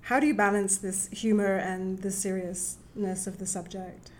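A woman hosting an interview, giving a formal introduction and asking questions in a steady, measured way. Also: mid-range voice. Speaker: interview host introducing a guest.

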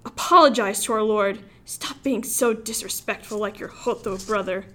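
A woman's voice: medium pitch, normal speed, sharp tone, natural voice. A woman voicing a furious scolding mother. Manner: accusing, scolding.

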